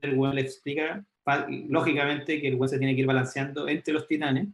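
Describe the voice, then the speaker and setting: A man's voice: on the high side, moderate pace, faint music behind. A man with a Chilean Spanish accent, chatting casually about an anime and acting out scenes as he retells them. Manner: animated, slangy, retells scenes with acted quotes. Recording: echoey room.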